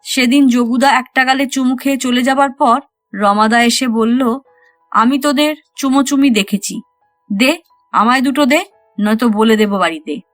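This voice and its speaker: A woman voicing the ghost of a spirited young village woman who scolds and teases with quick retorts. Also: on the high side, fairly bright tone, no echo, soft background music, lightly acted. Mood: scolding.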